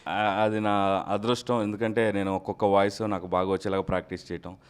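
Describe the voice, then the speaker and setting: Soft-spoken male mimicry artist. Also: on the low side, level tone, brisk, clear, resonant tone. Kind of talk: casual interview chat. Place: recording studio.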